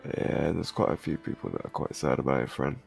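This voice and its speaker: A man's voice: a bass voice, brisk, creaky, a little mellow, faint music behind, exaggerated voice. A man playing a polite, laid-back, slightly weary western drifter with a hesitant, courteous manner in an improvised role-play. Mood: subdued, resigned.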